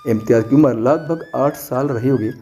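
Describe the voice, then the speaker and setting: A man reading a first-person detective story aloud in a steady, measured way. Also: mid-range voice, faint music behind. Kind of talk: scripted first-person narration.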